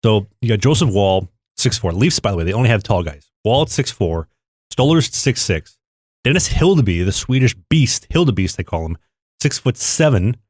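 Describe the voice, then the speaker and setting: A man's voice: fairly low pitch, sing-song, moderate pace, darkish tone, dry recording, studio quality. A man co-hosting a podcast, chatting casually about hockey and rattling off player stats. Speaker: podcast co-host.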